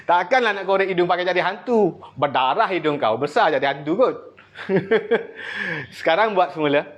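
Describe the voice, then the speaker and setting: A man with a Malaysian Malay accent teaching children the abacus, playful and teasing, shifting between loud drill calls and low asides. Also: lively intonation, moderate pace, dull audio, a little hiss or hum. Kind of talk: classroom lesson to children.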